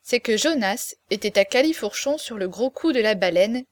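A woman reading a classic novel aloud as narrator, with lively, expressive storytelling. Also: fairly high pitch, moderate pace, no room sound.

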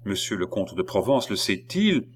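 A man's voice: lowish voice, very animated, moderate pace, slight background noise. A man reading the part of a king who questions with anguish. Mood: anxious. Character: anxious king, man, frowning.

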